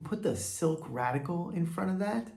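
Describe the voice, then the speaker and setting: Over background music, a middle-aged man with a high, gravelly voice and lively intonation talks at a normal speed. He's the host of an easygoing vlog on Chinese characters, prone to rambling asides.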